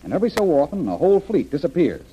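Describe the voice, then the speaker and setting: An actor playing a hearty, fearless jungle adventurer in an old-time radio serial. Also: male voice, on the high side, big pitch swings, very fast, a little hiss or hum. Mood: intrigued. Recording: muffled vintage radio broadcast.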